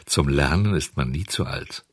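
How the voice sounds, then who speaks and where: A man's voice: extremely low pitch, normal speed, breathy edge, no room sound, studio quality, pitched below the performer's own voice. A man voicing a wise, motherly fairy who admonishes earnestly, in an audiobook reading. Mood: admonishing.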